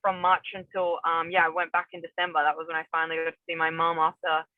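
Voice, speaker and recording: A woman's voice: low-pitched, monotone, fast, no echo. A young woman from New Zealand, an MMA fighter, chatting casually as an interview guest, rambling with many fillers and restarts. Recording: tinny phone-like remote call, dry.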